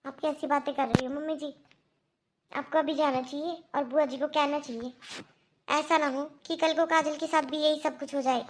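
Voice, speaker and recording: A woman's voice: high-pitched, fairly even intonation, normal speed, slight background noise, close to an everyday voice. A woman voicing a young daughter-in-law who firmly and earnestly lectures her mother-in-law in a cartoon.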